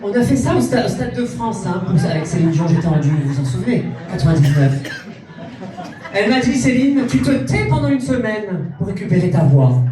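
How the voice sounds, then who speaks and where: A man's voice: high voice, sing-song, brisk. A man performing a vain, grandiose female diva character in a cabaret stand-up act, with camp, self-mocking delivery. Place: cabaret club stage before a live audience. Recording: distant echoey club sound with crowd.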